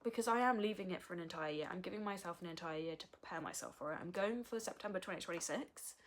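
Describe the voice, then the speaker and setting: Woman, early twenties, candid vlog talk, earnest, somewhat low voice. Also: quick pace, a little hiss or hum. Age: early 20s. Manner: frank, earnest, with swearing. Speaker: vlogger.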